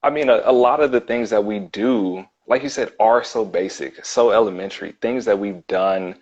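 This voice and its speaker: A man working as a clinical counselor, talking earnestly and thoughtfully in a casual interview, often pausing with ums and repeating words. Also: lowish voice. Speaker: licensed clinical counselor, guest. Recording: dull lo-fi audio.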